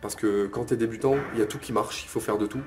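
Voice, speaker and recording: A man's voice: fairly low pitch, steady tone, fast talker, slight background noise. Casual male fitness coach, chatty. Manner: informal, addresses viewer as tu, frequent "ok?" and "euh". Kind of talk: casual bodybuilding lesson to camera.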